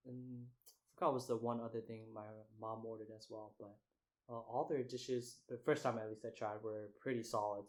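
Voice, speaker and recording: Young male food vlogger, casual and halting, mid-pitched with little melodic variation. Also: darkish tone, rough recording. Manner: halting, trailing off and restarting. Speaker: mukbang vlogger. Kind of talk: casual chat to camera.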